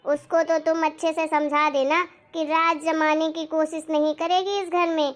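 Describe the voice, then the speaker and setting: Woman doing a domineering mother-in-law, very high shrill voice, taunting, bossy, cartoon story. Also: little pitch movement, normal speed, natural voice. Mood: stern. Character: scolding middle-aged mother-in-law, domineering, quick-tempered.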